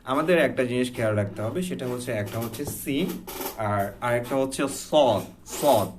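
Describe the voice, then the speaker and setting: A man teaching correct Quran recitation, who explains patiently and repeats each sound slowly to demonstrate it. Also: medium pitch, background noise. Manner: mixes English words into his talk. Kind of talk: explanatory lesson.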